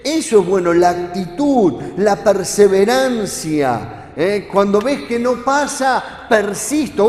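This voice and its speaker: Pastor guy preaching, high lively voice, keeps asking the crowd stuff, big echoey church with long reverb. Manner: animated, conversational, keeps asking the congregation questions. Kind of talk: sermon. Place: church hall.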